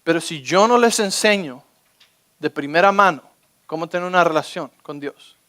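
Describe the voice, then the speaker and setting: High-voiced pastor preaching. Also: male voice, moderate pace. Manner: energetic, keeps checking in with the audience. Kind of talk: sermon.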